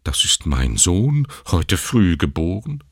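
A man's voice: low voice, sing-song, takes it slowly, fairly bright tone, husky, dry recording, clean studio sound, heavily acted. A man voicing a desperate, horrified middle-aged father, in a storybook reading. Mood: despairing. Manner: desperate, agitated.

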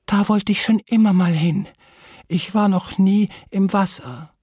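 A man voicing a timid, shy lame duck who speaks slowly and in a hushed, pleading way. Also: on the high side, dry recording, studio quality, pitched above the performer's own voice.

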